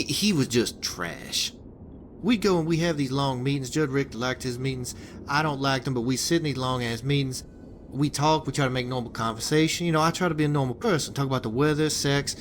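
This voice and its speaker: A man voicing a foul-mouthed hitman boss from a wasteland video game, rambling on with stammers and restarts. His voice sits a little high for a man and swings widely up and down. Faint noise runs behind him. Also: close to an everyday voice. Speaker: game character giving a hitman job.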